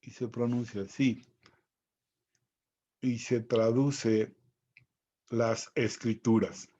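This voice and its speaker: A man teaching a recorded Greek vocabulary lesson, spelling out each pronunciation slowly and carefully. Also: mid-range voice, little pitch movement, warm tone, highs cut off.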